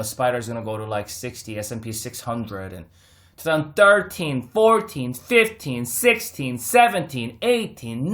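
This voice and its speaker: A man hosting his own market commentary, talking casually and with lots of energy, as if chatting with friends, laughing and mocking others. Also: medium pitch. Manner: animated, talks to viewers like friends, laughs, mocks others. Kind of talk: casual unscripted market talk to camera.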